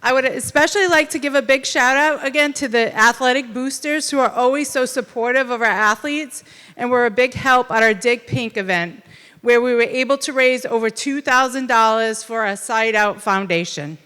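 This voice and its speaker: A woman's voice: on the high side, moderate pace, sharp tone, clear, resonant tone. A woman who coaches volleyball, delivering a polished, prepared speech of thanks at an awards night. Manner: polished, reads a list of thanks. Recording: reverberant hall.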